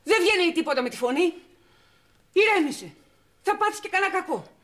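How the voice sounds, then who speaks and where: A firm high-voiced editor. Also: female voice. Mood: defiant. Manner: firm, self-justifying, calming. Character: proud determined woman editor, standing her ground. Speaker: new magazine editor. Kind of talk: TV soap drama acting.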